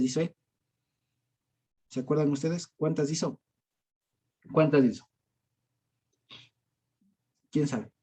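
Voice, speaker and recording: A man's voice: medium pitch, dark tone, slightly rough. A man with an Ecuadorian accent teaching a Bible study. He chats casually, laughs often and keeps quizzing his listeners. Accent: Ecuadorian Spanish. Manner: conversational, quizzes listeners with rhetorical questions; laughs often, frequent verbal fillers.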